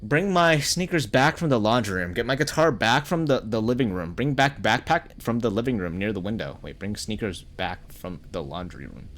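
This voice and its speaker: Streamer guy, animated sing-song voice, curses, greets chat while gaming. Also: on the low side, normal speed, few pauses. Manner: chatty, cursing, greets chat between reactions. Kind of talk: live game stream commentary.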